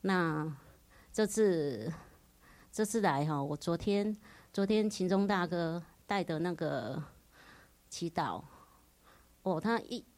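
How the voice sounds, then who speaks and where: A woman in her forties with a Taiwanese Mandarin accent shares a personal religious testimony before a retreat group. Her voice sits slightly low for a woman, and she speaks earnestly and emotionally, sprinkling her story with frequent interjections. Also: takes it slowly, long pauses, darkish tone. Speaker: retreat participant giving testimony.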